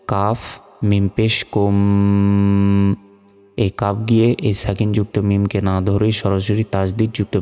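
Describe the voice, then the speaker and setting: A man's voice: lowish voice, mellow, big-room sound. A man teaching Quran reading, spelling out each letter and vowel mark syllable by syllable. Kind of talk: step-by-step spelling lesson.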